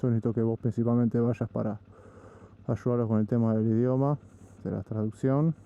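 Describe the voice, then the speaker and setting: A man from Argentina with an Argentine Spanish accent, narrating a casual vlog while driving, in a relaxed, rambling way with frequent restarts. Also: medium pitch, brisk, gravelly, muffled recording. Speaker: vlogger. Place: in a vehicle on the road.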